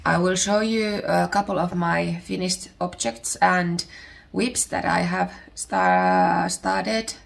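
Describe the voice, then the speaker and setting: A Finnish woman in her thirties with a Finnish accent chats casually at home as a podcast host, her voice still recovering from illness, and she pauses to hunt for words. Her voice is lowish, animated and creaky.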